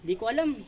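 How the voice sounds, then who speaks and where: Young woman battle rapper, slightly high voice, cheeky mocking insults. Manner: mocking, laughing trash talk. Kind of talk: live rap battle verses. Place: bar venue, live event.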